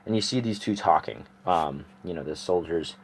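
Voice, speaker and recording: A man with a notably low voice recounts a fantasy tale in loose, everyday speech. He draws as he talks, so he wanders, restarts and pads his sentences with fillers. It sounds like someone narrating his own story for viewers rather than performing it. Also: lively intonation, normal speed, slight background noise. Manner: rambling, filler-heavy, thinking aloud. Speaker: storyteller and artist. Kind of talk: casual spoken storytelling while sketching.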